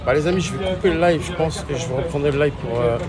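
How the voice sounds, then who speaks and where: A man's voice: fairly high pitch, fast. A man hosting a casual live vlog from an outdoor theme park on his phone, chatty and slangy, swearing now and then. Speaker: livestream host. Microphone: handheld phone. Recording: park music and crowd noise behind.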